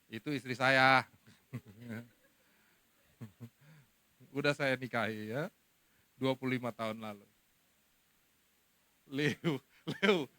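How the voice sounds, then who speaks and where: A middle-aged man preaching as a pastor to a congregation, telling stories in an animated way. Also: medium pitch, drawn-out words, pauses often, no room sound. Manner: animated storytelling, acting out quoted speech. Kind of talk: sermon.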